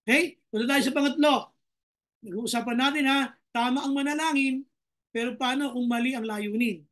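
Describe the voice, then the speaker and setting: High-voiced Filipino pastor preaching. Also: male voice, fairly bright tone. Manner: preaches in Taglish, reading Bible verses slowly, then pressing with rhetorical questions. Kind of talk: sermon.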